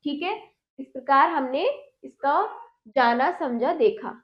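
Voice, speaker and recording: A woman teacher giving a children's lesson, slowly repeating each word and asking simple questions. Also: high-pitched. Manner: slow drilling, repeats each word carefully with rising questions. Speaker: Hindi teacher. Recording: roomy, dull lo-fi sound.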